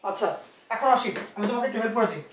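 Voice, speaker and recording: A man's voice: sits high, lively intonation, rapid-fire, reverberant, recorded from a distance, a little hiss or hum. A man teaching physics in an online class, reassuring his students and coaxing answers out of them with many asides.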